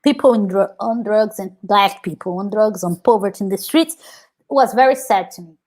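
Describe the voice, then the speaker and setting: An activist and scholar in her thirties from Brazil, speaking with a Brazilian Portuguese accent, shares her personal story as an interview guest. Her mid-range, darkish voice moves at normal speed, earnest and reflective, with "like" popping up often.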